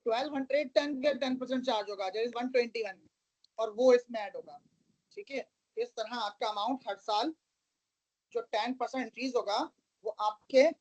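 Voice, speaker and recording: A woman with a fairly high, somewhat dark voice teaches a math lesson, patiently walking through each step and checking that her students keep up. She addresses them as "beta," asks check questions, and mixes English into her explanations. The recording is low quality and dry, with no room sound.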